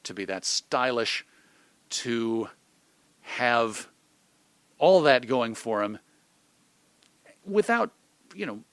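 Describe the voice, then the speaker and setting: A middle-aged American man, an old-time radio host appearing as an interview guest, speaks casually and reflectively in a medium-pitched, animated voice that is smooth and a bit bright, with drawn-out words and frequent pauses. He thinks aloud in a discursive, thoughtful way, illustrating his points with examples and imagined quotes. The recording has no room sound.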